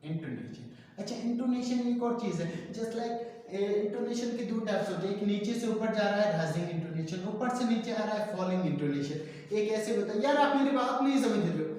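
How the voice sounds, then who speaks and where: A man teaching a basic English grammar lesson, explaining step by step and drawing out the example sentences slowly. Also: high voice, dark tone, slight background noise. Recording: very echoey room, voice far from mic.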